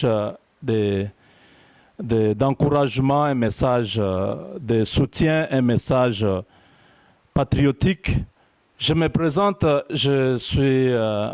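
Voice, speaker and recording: A man from Congo giving an impassioned political address to his compatriots, halting with fillers at first, then building to emphatic, repeated declarations. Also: medium pitch, darkish tone. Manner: fervent, building to raised emphatic repetition; halting with frequent fillers at the start. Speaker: diaspora political representative.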